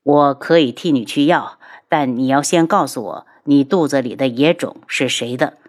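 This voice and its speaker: A weary young husband, played by a woman reader, speaking low, cold and held back. His words come slow and flat, without any raised heat. It is a storybook voice, pitched below the reader's own.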